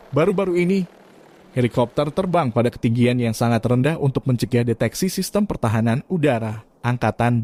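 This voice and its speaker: A man's voice: medium pitch, darkish tone. A man with an Indonesian accent reading scripted news narration.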